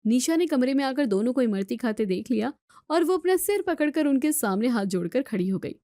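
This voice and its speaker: Woman narrator, high-pitched, dry close sound, story narration. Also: animated, brisk, dark tone, no echo.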